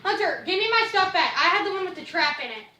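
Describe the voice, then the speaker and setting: A very high, bright child's voice chats through a video game with lots of excited swings. The kid is slangy and complaining, picked up from a distance in an echoey room. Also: fast talker. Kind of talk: excited casual gaming chat. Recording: echoey room, distant mic, faint noise.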